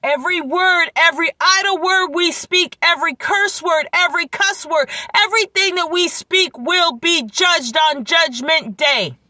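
High bright woman preaching, swollen throat. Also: a little slow, hardly any pauses, no echo. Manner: emphatic, exhortatory, repeats phrases for weight. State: swollen throat and tonsils from allergies. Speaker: religious video creator, preacher. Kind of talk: impassioned religious monologue.

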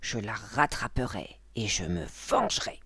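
A woman's voice: very deep voice, sing-song, a little slow, bright, forceful tone, breathy edge, no room sound, voice pushed down, full character voice. A woman voicing a wicked old witch in a children's story, with a theatrical, cackling manner. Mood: vengeful.

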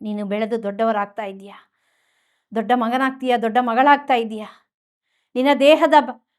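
High-voiced woman preaching tenderly. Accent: Kannada. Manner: tender and pleading, speaks straight to the listener; voices heartfelt prayers in first person. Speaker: nun preacher. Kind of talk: emotional healing sermon.

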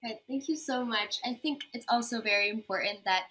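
A woman's voice: fairly high pitch, brisk, bright, forceful tone, low-quality recording. A teenage girl from Indonesia interviewing a guest on a video call, polite and a little hesitant. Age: teens. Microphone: video call webcam.

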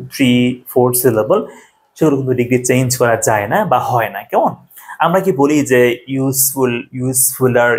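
A male language teacher walks through the lesson step by step, pausing often to check in with the viewer. His voice sits fairly high for a man, and his pitch swings widely from word to word. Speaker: spoken English teacher. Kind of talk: Bengali-language grammar lesson.

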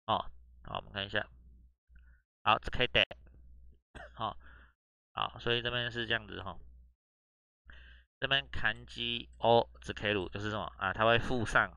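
A man from Taiwan with a Taiwanese Mandarin accent gives a casual Japanese lesson in a lowish, bright voice. His voice is smooth and clear, in a dry, close recording. He reads Japanese lines aloud, then explains them with constant "oh" and "ha" fillers. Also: fairly even intonation, moderate pace, long pauses, dry recording. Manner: chatty, drops "oh" and "ha" between nearly every phrase. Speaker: Japanese language teacher. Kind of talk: casual online lesson reading through a news text.

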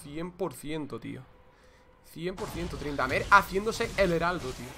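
A young man gives excitable, swearing commentary over his own game. His voice sits high and swings widely in pitch, with a bright, forceful edge, and faint music plays behind him. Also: moderate pace. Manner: excitable, swears, says "tío" constantly. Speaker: gaming streamer. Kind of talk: casual gameplay commentary.

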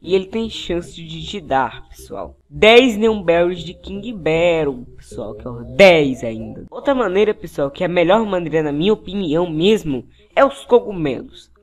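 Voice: mid-range voice, animated, normal speed, hardly any pauses. A gaming YouTuber with a Brazilian Portuguese accent, giving an upbeat game tutorial and constantly addressing the viewers, with faint music behind.

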